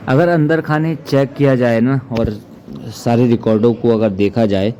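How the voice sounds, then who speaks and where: An activist commentator from Uttarakhand, India, delivers a political explainer, either to camera or as a voice-over. His medium-pitched, mellow voice stays steady at a moderate pace as he speaks earnestly in formal diction. The audio sounds dull, with slight background noise.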